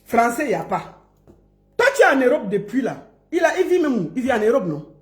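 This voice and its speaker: Woman, mocking stream rant, teasing schoolteacher drawl, high lively voice, echoey room. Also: a little fast. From Cameroon. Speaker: online commentator.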